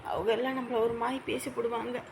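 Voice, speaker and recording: Actress doing a high-voiced woman, hurt and defending herself. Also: level tone, fast talker, creaky, noisy background. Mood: sorrowful. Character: shunned woman, ashamed and wounded. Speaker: estranged sister of the host family. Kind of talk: village family drama acting.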